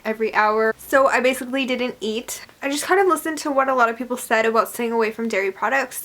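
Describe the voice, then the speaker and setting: A woman's voice: a little high, fairly bright tone. A young woman tells a personal story in a casual, rambling vlog style, often trailing off as she goes. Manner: rambling, conversational, trailing off with "or whatever". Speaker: vlogger.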